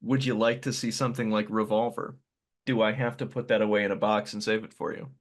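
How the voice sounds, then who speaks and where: A man's voice: fairly low pitch, little pitch movement, fast talker. A man hosting a podcast, chatting casually and rambling a little, with self-deprecating asides. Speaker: podcast host. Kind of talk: casual conversational interview.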